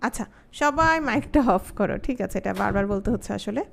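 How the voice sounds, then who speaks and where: Speaking with a Bangladeshi Bengali accent, a woman leads an online grammar class, asking students plenty of questions and slowly repeating example words. Her voice is medium in pitch and creaky, with lively intonation.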